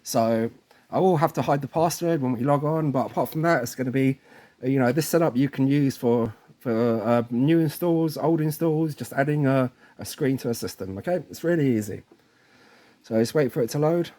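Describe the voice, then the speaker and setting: In an informal, hands-on tech tutorial, a man with a mid-range, dark voice speaks at a moderate pace, often pausing to check in with the viewer as he presents installation steps.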